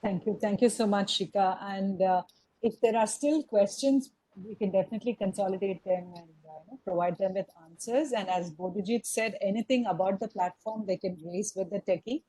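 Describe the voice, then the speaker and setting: A woman's voice: mid-range voice, a little fast, dark tone, no room sound, low-quality recording. A woman moderating a webinar over a video call, polite and reassuring, with fillers.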